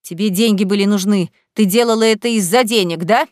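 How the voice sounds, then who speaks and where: A woman's voice: medium pitch, a little fast, darkish tone, no room sound, clean studio sound, lightly acted. A woman reading an audiobook, voicing an angry young wealthy man who barks furious accusations at his lover.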